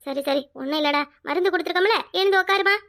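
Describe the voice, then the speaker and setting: A woman's voice: very high-pitched, racing, bright, forceful tone, heavily acted. A woman doing a bossy old village granny. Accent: Tirunelveli Tamil. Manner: scolding, fussing, chatty. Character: old village grandmother, bossy but caring. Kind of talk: cartoon voice acting.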